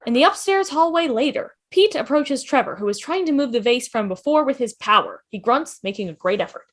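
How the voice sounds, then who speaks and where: Her high, spirited voice carries the stage directions of a script at a table read conducted by video call. She narrates expressively and a little fast.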